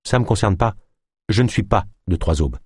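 A man's voice: lowish voice, expressive, normal speed, dark tone, slightly rough, dry recording, clean studio sound. A man voicing an earnest, determined captive healer who speaks persuasively.

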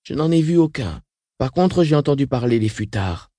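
A man reading the part of a frail, weakened old woman who speaks flatly and stays unshaken. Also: medium pitch, moderate pace, dry recording, clean studio sound, voice pushed up, natural voice. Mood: grim. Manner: flat, unshaken. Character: frail elderly sister, weakened and coughing.

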